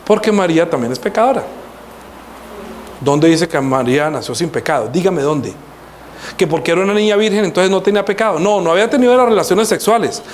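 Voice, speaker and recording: A man's voice: high voice, animated, brisk, a little hiss or hum. A man preaching a sermon, talking straight to his listeners and firing questions at them. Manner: direct, questioning the congregation. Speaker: pastor.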